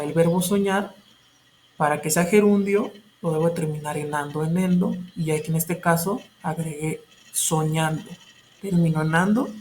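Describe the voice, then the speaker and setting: A man's voice: a little high, darkish tone, a little hiss or hum, low-quality recording. A male teacher explaining a grammar lesson step by step, patiently repeating points and checking in with short tag questions. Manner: patient, repetitive explanations with filler tags and self-corrections.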